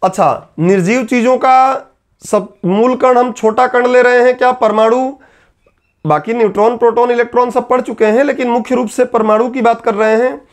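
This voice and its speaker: A man's voice: extremely high pitch, fairly even intonation, moderate pace. A man teaching an exam-preparation lecture, explaining step by step and asking and answering his own questions.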